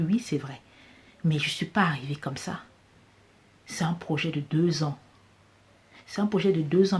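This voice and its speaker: A business coach vlogger with a Cameroonian French accent delivers an emphatic motivational talk on business, repeating key phrases for stress. Her voice is low and a little mellow.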